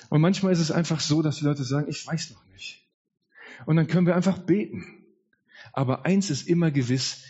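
A man's voice: on the high side, darkish tone, slightly rough, muffled recording. A man preaching an earnest, heartfelt Easter sermon in a church, telling his own story with quoted dialogue. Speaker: pastor.

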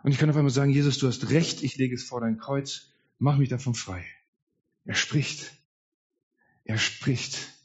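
A man's voice: mid-range voice, fairly even intonation, quick pace, a little mellow, breathy edge, muffled recording. A man preaching an earnest, heartfelt Easter sermon in a church, telling his own story with quoted dialogue. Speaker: pastor.

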